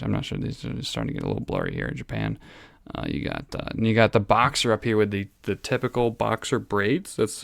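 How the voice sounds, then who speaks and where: A man's voice: lowish voice, creaky, fairly bright tone, no echo. A male history teacher giving a casual, rambling exam review from his room at home, easily sidetracked and poking fun at himself. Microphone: desk microphone.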